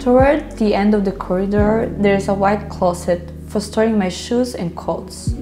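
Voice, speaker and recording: A woman from Ukraine who grew up in Italy, speaking as she calmly explains her home as an interior decorator. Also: mid-range voice, normal speed, over music. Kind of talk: home tour narration.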